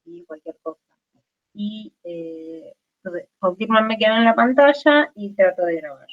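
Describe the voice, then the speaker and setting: A woman's voice: medium pitch, a little slow. A woman with an Argentine accent teaches an online chemistry class, chatty and informal. She checks in with her students often and pads her talk with fillers. The sound is dull and lo-fi over a video call. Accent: Argentine Spanish.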